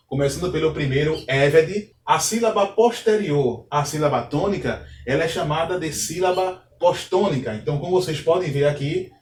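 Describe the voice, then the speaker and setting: Man, patient teacher who explains step by step, slightly high voice, recorded from a distance in an echoey room. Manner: methodical, repeats points, checks in with "ok?". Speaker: Hebrew teacher. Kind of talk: online grammar lesson.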